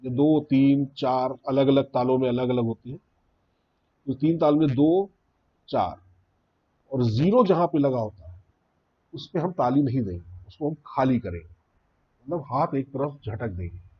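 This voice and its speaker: A man's voice: mid-range voice, measured pace, pauses often, breathy edge, lo-fi sound. A man teaching a beginners' tabla lesson, explaining rhythm patiently and reciting drum syllables one by one. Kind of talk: spoken music lesson.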